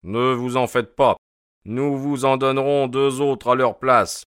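A man reading a story aloud voices a self-assured, gently amused detective who gives firm instructions. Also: medium pitch, fairly even intonation, a little slow, clear, resonant tone, dry recording, studio quality, voice pushed up, close to an everyday voice. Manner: wry, assured. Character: amused, commanding male detective.

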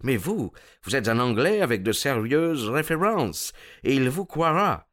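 A man voicing a pushy male American lawyer who talks in an insistent, hurried, persuasive way. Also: mid-range voice, very animated, a bit bright, pitched above the performer's own voice.

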